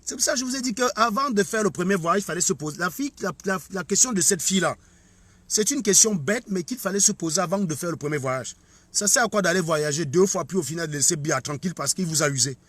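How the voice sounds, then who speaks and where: Guy going off on a live stream, husky, hammering his points over and over. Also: high-pitched, animated, fast, a bit bright, no room sound. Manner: combative, mocking, repeats points for emphasis. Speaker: online commentator. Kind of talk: live-stream rant to viewers.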